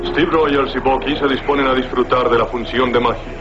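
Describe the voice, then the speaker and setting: A man's voice: medium pitch, fairly even intonation, brisk, close to an everyday voice. A man narrating a superhero cartoon in dramatic, declamatory storytelling style. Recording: dull lo-fi soundtrack with music.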